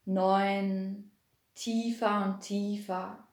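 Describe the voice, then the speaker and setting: Slow, soothing woman guiding a meditation. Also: mid-range voice, little pitch movement, darkish tone, reverberant. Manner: slow, soothing, repetitive counting down. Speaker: meditation guide. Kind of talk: guided hypnosis meditation.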